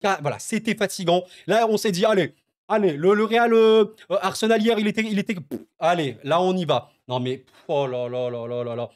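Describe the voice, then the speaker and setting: Man, somewhat high voice, football reaction vlogger; agitated, stammers, emotional asides to the viewers. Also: a little fast. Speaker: football YouTuber. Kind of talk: excited football reaction vlog.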